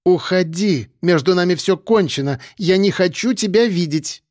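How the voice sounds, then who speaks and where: A man reading an audiobook, voicing a drunk, capricious young woman with a haughty, shrill manner. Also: normal speed, a little mellow, no room sound, studio quality, natural voice.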